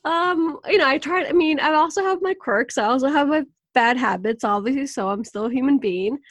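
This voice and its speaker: A woman's voice: sits high, fairly quick, no echo. Candid woman from Venezuela, dry sound. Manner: candid, animated, laughs often. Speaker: podcast guest, wellness coach. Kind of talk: casual interview talk.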